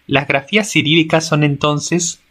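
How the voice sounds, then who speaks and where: A man's voice: fairly high pitch, steady tone, moderate pace, a bit bright. A man reading a grammar text aloud as a lesson, hesitating, repeating himself and correcting his words.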